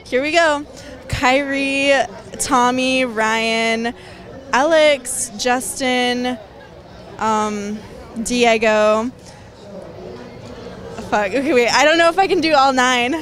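Young woman interviewee, higher voice, slow and giggly, on a street with faint crowd. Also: a bit bright. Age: young adult. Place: busy street outdoors at night. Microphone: handheld microphone.

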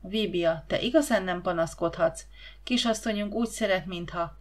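A woman voicing a gentle, cautious woman servant who talks in a soothing, hushing way. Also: mid-range voice, close to an everyday voice.

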